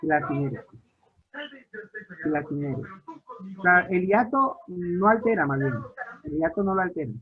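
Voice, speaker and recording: A man's voice: high-pitched, expressive, moderate pace, pauses often. A male literature teacher, lecturing an online class, questioning students and repeating key points. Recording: tinny phone-like audio line.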